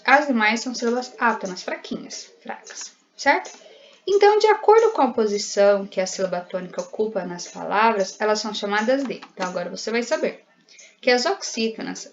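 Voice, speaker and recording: Patient Brazilian schoolteacher, lo-fi. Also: female voice, mid-range voice. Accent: Brazilian Portuguese. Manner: patient, explains step by step and often checks in with "né?" and "certo?". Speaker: primary school teacher. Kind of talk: recorded remote lesson, correcting exercises.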